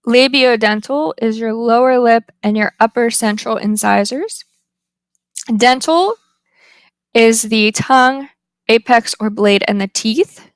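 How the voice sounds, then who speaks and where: A woman giving a phonetics lecture over slides, deliberately spelling out example words one at a time. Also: fairly high pitch, no echo. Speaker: phonetics instructor.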